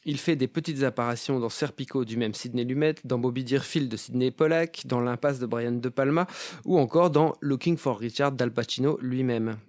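Male host, mid-pitched, dry studio sound; articulate, scripted film-show presentation. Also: normal speed, a little mellow, no echo. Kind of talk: scripted introduction to a film round table.

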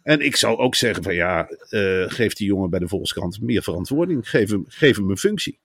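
A man's voice: lowish voice, expressive, moderate pace, breathy edge, no echo, studio quality. A man, co-hosting a podcast, spinning long mocking comic riffs in casual chat. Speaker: podcast co-host.

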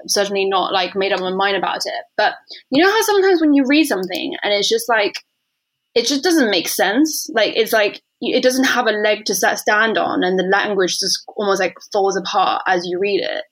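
Woman, average pitch, hesitant conversational opinion-giver. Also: animated, fairly bright tone, poor audio. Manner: halting, many fillers and restarts. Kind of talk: casual discussion.

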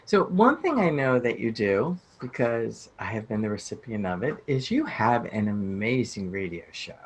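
A man's voice: lowish voice, big pitch swings, normal speed, breathy edge. A man hosting a casual interview who asks questions and eagerly praises his guest. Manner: enthusiastic, encouraging interviewer. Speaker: podcast host.

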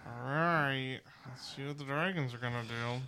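A man at a middle pitch runs a tabletop session as game master. He talks casually, reading out attack rolls and damage in an easygoing way. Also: moderate pace, bright, forceful tone, slight background noise. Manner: casual, laid-back narration with dice tallies.

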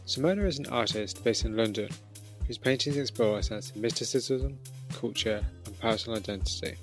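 A man hosting an art interview podcast, measured in his intro and relaxed and keen in conversation. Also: lowish voice, faint music behind. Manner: scripted, measured intro then relaxed, enthusiastic chat. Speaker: podcast host.

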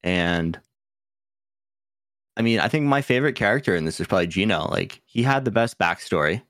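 A man's voice: lowish voice, expressive, brisk, a bit bright, dry recording, studio quality. A man co-hosting a podcast in casual chat, laughing often and swearing casually. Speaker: podcast co-host.

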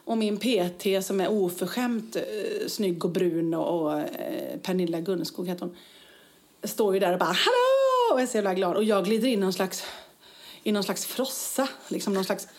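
A woman's voice: medium pitch, darkish tone. A woman co-hosting a casual chat show, telling anecdotes, acting out quotes and laughing often, tired after a busy week. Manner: chatty storyteller, acts out quotes, laughs often. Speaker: podcast co-host.

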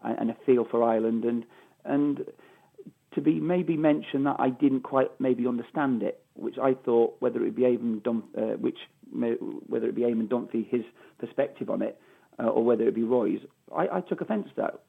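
Speaking through a phone line, a Mancunian former footballer, middle-aged and from Manchester, England, answers an interview with emphasis and repeated phrases. His mid-range voice has vocal fry and is slightly rough, delivered at a moderate pace.

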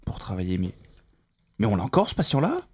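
A man playing a sleazy, scheming hypnotist doctor in an improvised comedy scene, pompous and quick to irritation. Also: on the low side, wildly swooping pitch, a little mellow, breathy edge, full character voice. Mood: irritated. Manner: pompous, easily irritated, hesitant. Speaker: improv performer. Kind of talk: improvised comedy role-play.

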